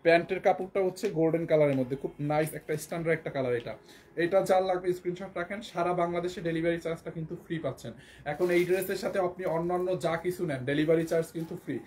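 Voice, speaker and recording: Fast-talking hoarse man selling clothes. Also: on the high side, steady tone, a little mellow, slight background noise. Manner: repetitive, coaxing, calls viewers "apu". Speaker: clothing seller. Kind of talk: live online sales pitch.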